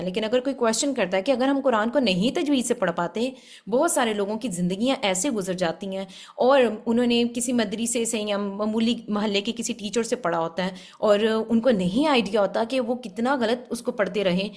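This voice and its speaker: A woman giving a religious lesson on Quran recitation, explaining patiently and often checking with her listeners. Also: a little high. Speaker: Quran tajweed teacher.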